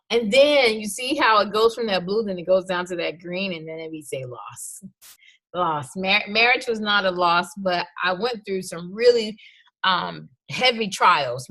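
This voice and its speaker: An upbeat woman in her thirties delivers a motivational workshop talk as a life coach. She tells her own story in a personal, energetic way, with bursts of excitement. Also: mid-range voice.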